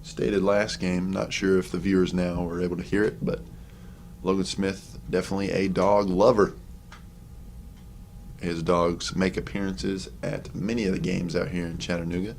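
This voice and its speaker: Brief: young male play-by-play caller, deep low voice, laid-back chatty asides, faint hiss behind. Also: normal speed, gravelly. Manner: relaxed, chatty, offhand asides between pitches. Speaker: play-by-play announcer. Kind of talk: sports commentary.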